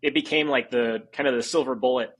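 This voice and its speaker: A man's voice: medium pitch, steady tone, fast, a bit bright, slightly rough, poor audio. A man, a guest engineer on a podcast, explaining casually with plenty of fillers.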